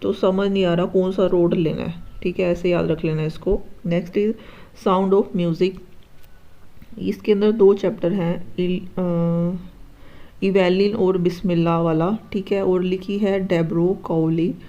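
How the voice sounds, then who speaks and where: Mellow, flat-voiced woman teaching. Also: lowish voice, slow pace, lo-fi sound. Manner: explains patiently, checks in with "ठीक है" often. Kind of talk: exam-prep lesson with memory tricks.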